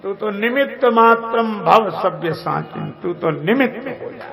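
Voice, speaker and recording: A man's voice: lively intonation, a little slow, gravelly, fairly bright tone. A man preaching a storytelling sermon, acting out the voices of the people in his stories, recorded live before an audience that laughs. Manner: acts out quoted characters with shifting voice and pitch. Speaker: Ram Katha preacher.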